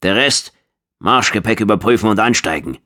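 A gruff military commander barks short, impatient orders, as a male narrator puts him on. The reader lifts his deep voice a little and clips every line. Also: moderate pace, pushed and bright. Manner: curt, barking orders.

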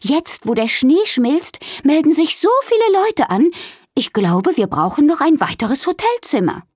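A woman's voice: sits high, sing-song, measured pace, darkish tone, no echo, studio quality, voice pushed up. A woman voicing a cheerful, busy female hotel keeper in a storybook reading.

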